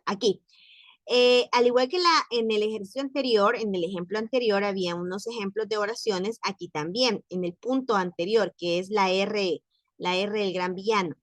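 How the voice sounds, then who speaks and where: A woman teaching a French pronunciation lesson, slowly modeling vowel sounds and prompting her students with questions. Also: mid-range voice, no room sound. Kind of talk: online language lesson.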